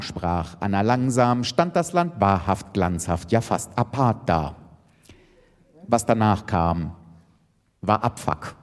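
A man narrating a comic story in a deliberate, playful way. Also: fairly low pitch, a little mellow. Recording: long hall reverb.

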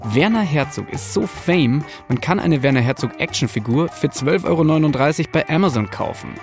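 A man's voice: a little high, expressive, moderate pace, soft background music. A man hosting a podcast, delivering scripted narration with casual asides and informal slang peppered with English loanwords. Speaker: podcast host, journalist.

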